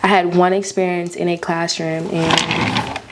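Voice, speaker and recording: A woman's voice: on the low side, little pitch movement, unhurried, very noisy. A woman in her early twenties with an American accent and a slight lisp, chatting casually to viewers as she vlogs. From Florida, United States. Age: early 20s. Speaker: YouTuber, beauty vlogger. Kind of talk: casual chatty vlog while doing makeup.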